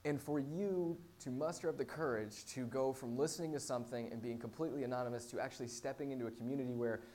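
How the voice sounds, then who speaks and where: Speaking fast in a mid-range, dark-toned voice, this pastor preaches to a small church in a casual, chatty way, joking at his own expense. It's a live talk to a small congregation, and the clear recording carries background noise and a hum.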